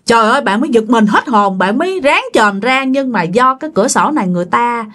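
A woman's voice: on the high side, lively intonation, fast, fairly bright tone. A woman with a Southern Vietnamese accent narrating a ghost story dramatically, speaking straight to her listeners. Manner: dramatic, addresses listeners directly.

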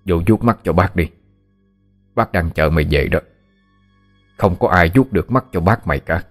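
A man voicing an older mourner at a funeral, gently urging a young man, in a told ghost story. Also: low voice, moderate pace, soft background music, close to an everyday voice.

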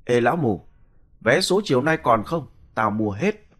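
A man's voice: medium pitch, big pitch swings, normal speed, fairly bright tone. A man voicing a crude, menacing village thug. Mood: coaxing. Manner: crude, bullying and taunting. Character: brutal young male thug, greedy and menacing.

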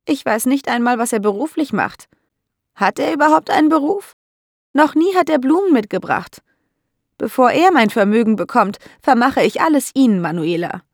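A woman's voice: fairly high pitch, lively intonation, normal speed, no echo, clean studio sound, voice pushed up. A woman voicing a lonely, fearful elderly landlady who complains plaintively. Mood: indignant. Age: older.

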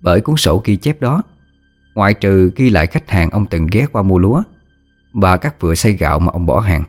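A man narrating a scripted ghost story in a steady, even manner. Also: low-pitched, moderate pace. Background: faint background music.

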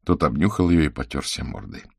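A man's voice: very deep voice, lively intonation, fairly quick, vocal fry, slightly rough, no echo, studio quality. A man reading a novel aloud as a single narrator, voicing every character himself. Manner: reads every part himself, lifting his voice for child and cat lines. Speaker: audiobook narrator. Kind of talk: scripted narration.

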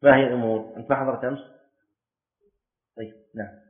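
A teacher of Islamic jurisprudence with a mid-range voice and steady tone teaches a class at a fast pace, explaining step by step. He quizzes his students and repeats key words for emphasis. The lesson recording is tinny and lo-fi.

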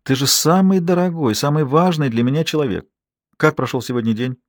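A man's voice: fairly high pitch, a little fast, no echo, voice pushed up, close to an everyday voice. Brief: tired but firm young mother, male narrator voicing her, dry close audiobook. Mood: soothing. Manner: firm, clipped.

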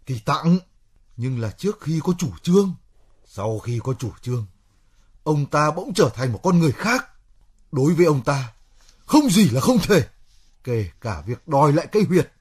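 Brief: bitter, quick-tempered young man, radio drama, husky, very animated. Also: on the high side. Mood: agitated. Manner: hot-tempered, bitter, complaining. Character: hot-headed poor young man lodging with others.

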